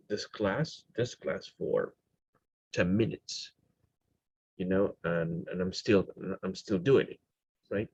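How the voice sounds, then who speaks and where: Slow, low-voiced male teacher, hesitant. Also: husky, no echo, dull audio. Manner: hesitant, many fillers and restarts, checks in with "right?". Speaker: English teacher. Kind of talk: grammar lesson explanation.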